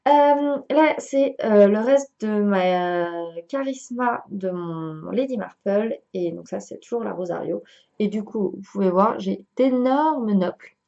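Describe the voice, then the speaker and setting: A woman's voice: mid-range voice, animated, slow, gravelly, warm tone, lo-fi sound. A young woman chatting casually to camera on her knitting podcast, full of fillers and giggly asides.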